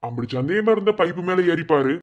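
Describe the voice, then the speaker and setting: A worried village man, protective of his family, voiced by a man. He has a Madurai accent and a slightly raised pitch. He alternates between reassuring others and muttering over his suspicions. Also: animated, fast talker, muffled recording, lightly acted. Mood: suspicious. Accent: Madurai Tamil. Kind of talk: cartoon voice acting.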